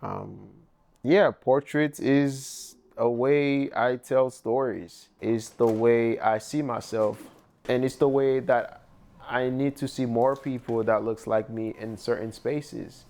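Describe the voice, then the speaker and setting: A young Haitian painter whose first language is Haitian Creole speaks with a Haitian accent in a documentary interview, reflective and loosely phrased with many fillers. His mid-range voice is gravelly and darkish, steady in tone and slow in pace.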